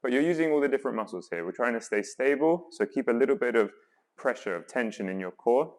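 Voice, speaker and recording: A male workout instructor leads a guided exercise, giving counts and cues in an encouraging, reassuring way. His mid-range voice is expressive and quick, picked up by a mic he wears while exercising.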